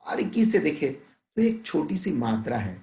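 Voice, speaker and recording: Male teacher reading words out slow for little kids, voice swings up and down a lot, echoey room. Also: on the high side, very animated, dark tone. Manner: slow, drawn-out word-by-word pronunciation, explaining meanings with English glosses; addresses pupils as "beta", asks frequent checking questions. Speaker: primary school teacher. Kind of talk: recorded Hindi lesson for children.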